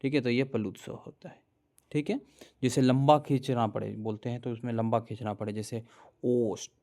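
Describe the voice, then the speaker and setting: A man's voice: mid-range voice, little pitch movement, a little fast, warm tone. A young man teaching a grammar lesson, explaining step by step, repeating each letter aloud and checking in with his listeners.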